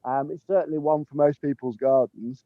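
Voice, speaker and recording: A man's voice: on the high side, fairly even intonation, moderate pace, no room sound, phone-quality sound. A man, the head gardener, chatting casually outdoors in a sunny garden as he films on a handheld phone, chuckling often between ums. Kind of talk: casual garden tour chat. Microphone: handheld phone camera while walking.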